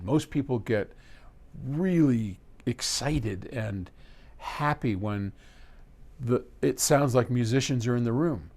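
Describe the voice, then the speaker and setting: This host has a mid-range, darkish voice and talks casually to camera, unscripted, taking viewer questions. Set in a trade-in equipment warehouse, his delivery rambles along with side remarks and corrections of himself.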